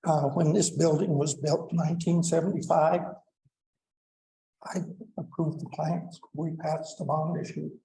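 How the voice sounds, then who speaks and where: Slow, blunt man in his seventies. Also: on the high side, vocal fry, dark tone, roomy sound, a little hiss or hum, low-quality recording. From Colorado, United States. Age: 70s. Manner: plainspoken and blunt, with frequent "uh" fillers. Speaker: public commenter, retired superintendent. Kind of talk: public comment at a school board meeting. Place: school board meeting room.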